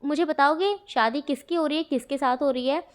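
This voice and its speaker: A woman's voice: sits high, brisk, close to an everyday voice. A woman voicing amused older women who tease while holding back laughter in a storybook reading. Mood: teasing.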